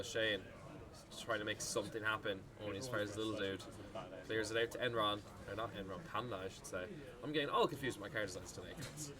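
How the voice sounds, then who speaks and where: An Irish co-caster breaking down plays in a relaxed, analytical way, with his voice in a middle pitch. Now and then he corrects his own slips. A loud crowd rumbles behind him at the arena. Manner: relaxed analytical color commentary, admits slips. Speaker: esports co-commentator. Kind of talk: live esports commentary. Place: gaming arena venue.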